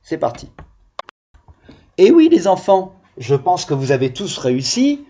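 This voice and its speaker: A man's voice: sits high, sing-song, a little slow, warm tone, muffled recording. A male primary school teacher giving a video phonics lesson to young children, patiently sounding out syllables.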